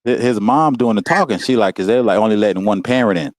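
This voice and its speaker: A very deep-voiced American man speaks as a podcast guest, recorded in a close, dry sound. His delivery is casual and heartfelt, full of "man" and "you know what I'm saying." His pitch climbs sharply when he relives emotional moments. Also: fast talker, no echo. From United States. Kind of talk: casual personal storytelling.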